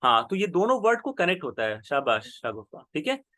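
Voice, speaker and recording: A man leads an online grammar class in a high, animated voice that rises and falls freely. He explains slowly and patiently, repeating each term so students can follow. The sound is close and dry, with no room around it. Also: no room sound. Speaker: teacher.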